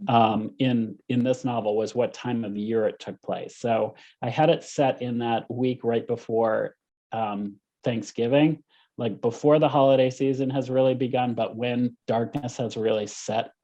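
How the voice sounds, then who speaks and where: Guy author on a panel, mellow dark voice, lots of ums, kinda muffled sound. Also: medium pitch, fairly even intonation, measured pace. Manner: hesitant, many "um"s and restarts. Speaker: author guest. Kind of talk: panel discussion. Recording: muffled lo-fi audio.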